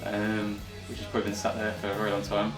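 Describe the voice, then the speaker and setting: In a documentary interview set in the band's practice room, the twenty-year-old lead guitarist recounts a story with wry humor. He talks fast, his fairly low voice completely flat. The room echoes, the mic is distant, and music plays in the background.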